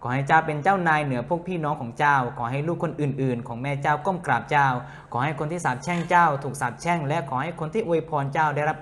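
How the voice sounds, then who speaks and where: A man interprets a sermon live, reading scripture and relaying what the preacher says. He hesitates often and fills the pauses as he finds his words, at a steady mid pitch. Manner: hesitant, many filler sounds. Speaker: church interpreter.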